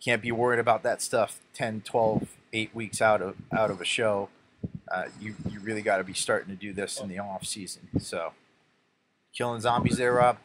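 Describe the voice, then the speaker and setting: A man's voice: fairly low pitch, steady tone, moderate pace, background noise. A young man casually narrating his own workout, giving instructive tips with a self-mocking streak.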